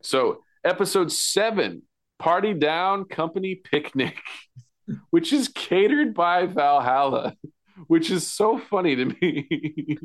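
A man's voice: on the high side, lively intonation, slow pace. A man co-hosting a podcast, chatting casually about a TV episode, full of fillers, restarts and laughs. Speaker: podcast co-host. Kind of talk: casual TV recap chat.

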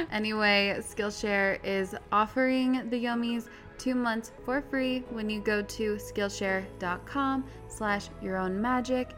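American woman hosting a podcast over music. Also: a little high. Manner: giggly, self-deprecating asides. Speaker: podcast host. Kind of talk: casual, chatty scripted-free podcast introduction.

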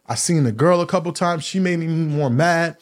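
Animated man telling a personal story. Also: normal speed. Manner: animated, acts out quoted dialogue with raised pitch; repeats words and restarts often. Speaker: podcast host. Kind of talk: casual storytelling monologue.

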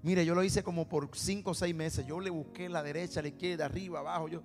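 With a fairly high, steady voice and a quick pace, a Puerto Rican preacher and singer with a Puerto Rican Spanish accent tells his personal testimony as a sermon in a church sanctuary. He acts out dialogue and repeats words for emphasis, with long hall reverb and faint music behind him.

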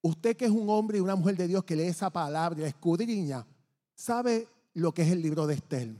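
A man giving a testimony from the pulpit, telling his story in an animated way and acting out the dialogue. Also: high voice, a little fast. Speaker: church testimony speaker. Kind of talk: testimony preaching. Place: church sanctuary. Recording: long church reverb.

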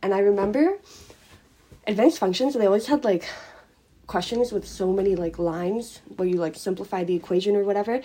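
Young woman, casual phone voice memo, rambling chatter with lots of fillers, mid-pitched everyday voice. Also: brisk, dark tone, husky. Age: young adult. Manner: chatty, rambling, full of "like" and self-corrections. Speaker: sister-in-law sending a birthday voice recording. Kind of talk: casual recorded voice message. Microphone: phone voice recording.

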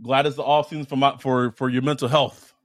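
A man's voice: medium pitch, little pitch movement, a little fast. A man hosting a sports podcast in casual, slangy fan banter, swearing freely and repeating phrases for emphasis.

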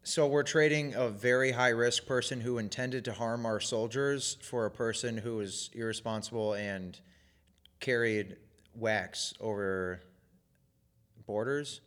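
Male podcast co-host, casual chat, sarcastic, medium pitch. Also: unhurried, a bit bright.

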